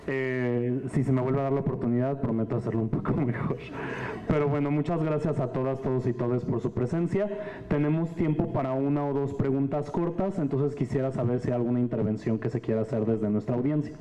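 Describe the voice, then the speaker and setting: A man's voice: mid-range voice, fairly even intonation, fairly quick, dark tone. A man moderating a panel, polite and a little self-deprecating. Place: legislative hall forum. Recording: dull lo-fi sound with faint room ambience.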